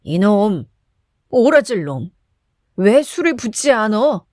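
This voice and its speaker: A woman voicing a drunk, coarse middle-aged man who shouts boastful curses. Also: a little high, very animated, unhurried, dry recording, clean studio sound. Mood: drunken bluster.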